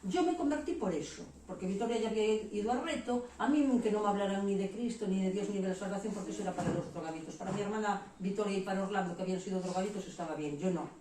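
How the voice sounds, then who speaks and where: A Spanish-woman preacher gives a frank, animated testimony and slips into the voices of the people she quotes. Her voice echoes heavily through a church hall and sounds distant from the mic. A faint hum of the room sits underneath. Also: mid-range voice, fast, hardly any pauses. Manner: candid and animated, quoting herself and others. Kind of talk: testimony sermon.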